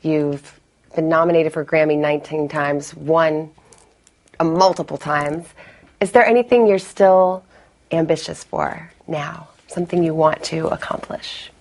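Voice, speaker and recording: A woman's voice: low voice, steady tone, measured pace, darkish tone. A woman TV host with a cold, narrating a feature and interviewing a guest in an upbeat, chatty way. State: has a cold.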